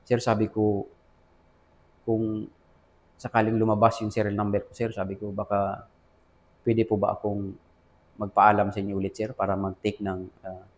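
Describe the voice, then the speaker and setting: A man's voice: fairly low pitch, level tone, moderate pace, long pauses, slight background noise. Filipino army officer telling his story. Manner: addresses listener as sir often, quotes dialogue. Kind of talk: casual interview storytelling.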